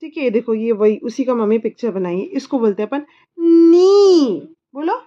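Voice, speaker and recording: A woman's voice: fairly high pitch, animated, fast, mellow, lo-fi sound. A woman teaching her child English body words, patiently repeating each word and spelling it letter by letter. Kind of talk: slow spelling lesson.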